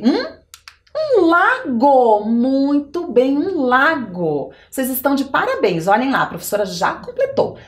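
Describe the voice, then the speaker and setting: Lively Brazilian teacher woman. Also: fairly high pitch. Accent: Brazilian Portuguese. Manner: encouraging, drawn-out words for young children. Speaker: schoolteacher. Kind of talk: televised children's lesson.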